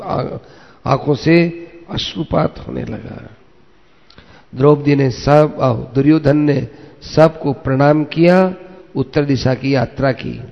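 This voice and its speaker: A man narrates a devotional epic slowly, his voice gravelly and a little high. The recording is dull and lo-fi, with a long echo around him. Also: darkish tone. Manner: slow, measured, with small slips. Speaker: storyteller.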